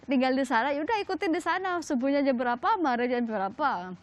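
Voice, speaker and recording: A middle-aged woman, an Islamic religious teacher appearing as a guest on a talk show, answers questions in a high-sitting voice with lively intonation and a fast pace. She's chatty, laughing often amid plenty of fillers.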